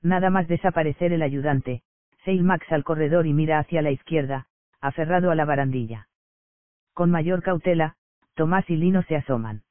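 Un hombre que lee en voz alta una obra de teatro, incluidas las acotaciones, con tono llano y parejo. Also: male voice, a little high, normal speed, dry recording. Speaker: audiobook narrator. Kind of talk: reading a stage play aloud. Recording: dry, tinny phone-like sound.

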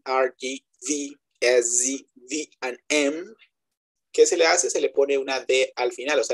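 Husky-voiced man teaching English online. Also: mid-range voice. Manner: explains step by step, keeps checking with students; switches between Spanish explanation and English examples. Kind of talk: online class lecture. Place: web conference.

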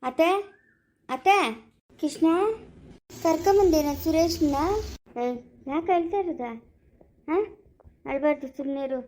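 A woman's voice: high voice, measured pace, long pauses, dark tone, a little hiss or hum, rough recording. A woman playing a caring village aunt who soothes and scolds, repeating warnings, in an amateur family drama.

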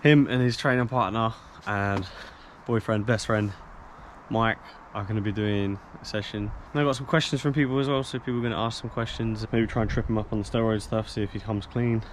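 Young male vlog host, teasing, mid-pitched, faint outdoor noise. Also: fairly even intonation, fairly quick. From England. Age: young adult. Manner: teasing, laughs often. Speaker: vlog host asking questions. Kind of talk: casual vlog chat. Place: back garden gym outdoors. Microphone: handheld camera, selfie framing.

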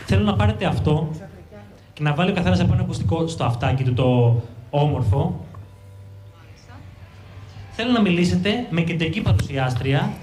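A man reports live from a city street for television, his voice pitched notably high. He works passers-by with jokes and chatty showmanship. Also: animated, long pauses, a little mellow.

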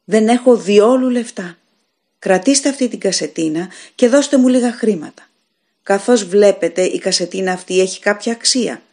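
A woman's voice: medium pitch, a little mellow, natural voice. A woman voicing a sick, dying man haunted by his own ghost, speaking in a breathless, frantic way.

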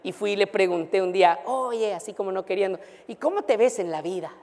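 A male pastor telling a personal story in a lively, anecdotal preaching style. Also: high-pitched, a little fast. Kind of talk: storytelling sermon. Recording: long hall reverb.

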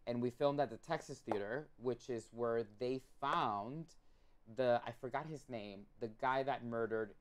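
A young Puerto Rican documentary filmmaker chats eagerly in a casual interview over a video call, picked up by his webcam in a home room full of collectibles. His mid-range voice is unhurried, with lots of restarts and fillers.

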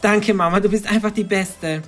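A woman's voice: mid-range voice, steady tone, moderate pace, soft background music, close to an everyday voice. A woman voicing a shy teenage schoolgirl who stammers and speaks timidly. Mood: grateful.

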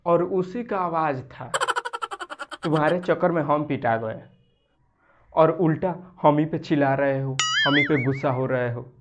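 A whiny, defensive village man, played by a man, his voice a bit raised and dragging slowly. The phone recording carries clear hiss and clicks. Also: fairly high pitch, lo-fi sound, natural voice. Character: hapless village man who got beaten. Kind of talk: comedy sketch.

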